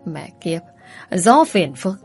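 A woman's voice: medium pitch, normal speed, darkish tone, soft background music, close to an everyday voice. A woman reading a story, voicing a crude, bullying young man with a sneering, coarse manner. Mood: snarling.

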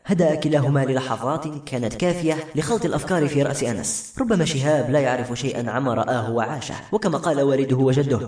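A man narrating a novel as an audiobook in a steady, brisk storytelling manner. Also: medium pitch. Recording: roomy echoey room.

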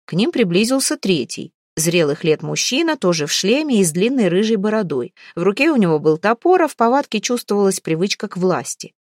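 A woman reads an adventure novel aloud with expressive, lively storytelling. Her voice moves freely up and down. The recording is dry and close, with no room sound. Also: mid-range voice, brisk, few pauses, no echo. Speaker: audiobook narrator. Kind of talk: scripted narration of a historical novel.

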